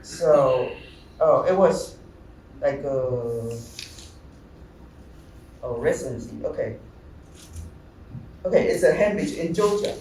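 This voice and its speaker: A middle-aged man from Taiwan, a visual artist, giving a halting talk about his slides, often searching for words. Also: fairly high pitch, animated, a little mellow, recorded from a distance. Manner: halting, searching for words, many fillers and restarts. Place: large gallery hall. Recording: echoey hall, speaker off-mic, faint room noise.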